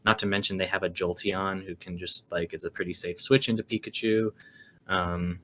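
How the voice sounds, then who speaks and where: Male co-host, fairly low pitch, casual hedging analysis, slight noise behind him. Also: little pitch movement, normal speed, a bit bright. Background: faint noise, cat meowing at times.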